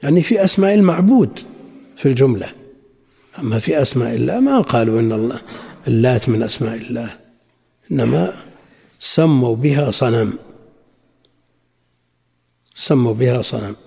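A man teaching a religious lesson, reading quotations from classical sources and then explaining them in a measured way. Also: mid-range voice, lively intonation, gravelly, warm tone, breathy edge. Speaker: Islamic scholar teaching a lesson. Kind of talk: lecture explaining a classical text. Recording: long hall reverb.

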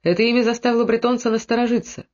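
A man reading a historical novel aloud in steady storytelling narration, dropping his voice lower for the characters' lines. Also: very fast, dull audio. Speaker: audiobook narrator. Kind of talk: scripted narration.

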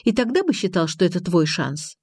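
A blunt, impatient young woman, as an audiobook reader puts her on, firing off sharp questions. Her voice has a mellow, dark tone. It is recorded dry and close. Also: mid-range voice, sing-song, fairly quick, husky, dry recording. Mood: mocking. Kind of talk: audiobook character reading.

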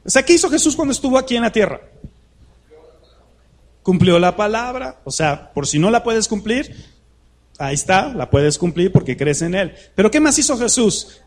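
A man's voice: high-pitched, big pitch swings, normal speed, pauses often. A man preaching to a live congregation, talking conversationally and peppering his sermon with rhetorical questions. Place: church hall with a live congregation.

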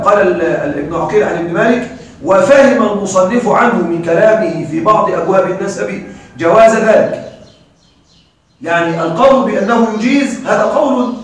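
Echoey, distant high-voiced male teacher. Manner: repeats words and checks on students often. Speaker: grammar teacher. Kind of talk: classroom lecture on classical grammar.

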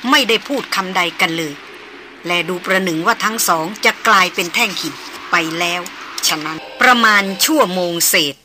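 A woman narrating a novel as an audiobook in an even, measured storytelling manner. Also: lowish voice, background noise.

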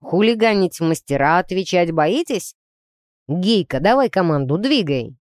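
A woman reading a storybook voicing a calm, firm teenage boy who leads his team and gives stern orders. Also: lowish voice, a little slow, dry recording, clean studio sound. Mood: commanding. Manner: stern, commanding.

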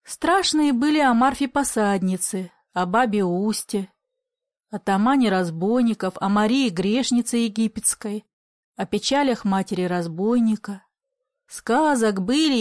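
A woman reading a classic story aloud in a measured, expressive storytelling voice. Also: fairly high pitch, no room sound, studio quality. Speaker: audiobook reader. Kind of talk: literary audiobook narration.

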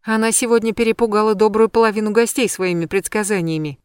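A woman's voice: medium pitch, quick pace, clean tone, no room sound, studio quality, natural voice. A woman voicing a frightened young heroine who stammers and speaks agitatedly. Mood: consoling. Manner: stammering, agitated, shouting and whispering.

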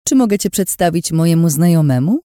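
A woman's voice: fairly low pitch, expressive, a little fast, mellow, no room sound, clean studio sound, lightly acted. A woman voicing a sweet but scheming young woman who gives orders in an overly sweet, insistent tone. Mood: sugary.

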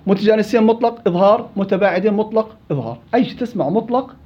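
A man leads a classroom tajweed lesson, firing quick questions at his students. His voice sits high and his words come fast. The recording is dull and lo-fi. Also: animated, breathy edge. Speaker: Quran recitation teacher.

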